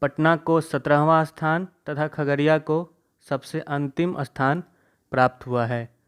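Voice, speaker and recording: A man's voice: on the high side, steady tone, a little slow, clear, resonant tone. A young man teaching an exam-prep quiz lesson, reading each question and its options aloud, then explaining the answer, into his talk. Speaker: current affairs quiz teacher.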